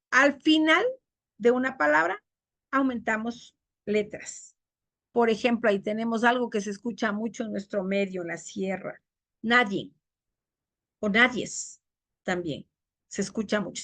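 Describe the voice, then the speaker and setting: A woman teacher giving a classroom lecture on diction, explaining terms and acting out examples in higher voices. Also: a bit bright, no echo.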